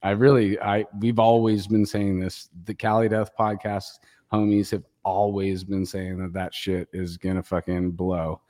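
A man's voice: deep voice, level tone, unhurried, warm tone. A man co-hosting a casual podcast from an empty house, his voice echoing like a cave as he talks loosely and swears a lot. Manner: loose, swearing, says "dude" often. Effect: cave-like room echo on the voice. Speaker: podcast co-host. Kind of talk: casual podcast chat over a call.

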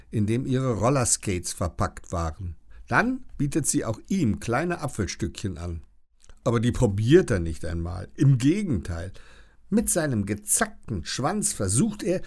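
A man narrating a children's audiobook with an expressive storytelling delivery. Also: mid-range voice.

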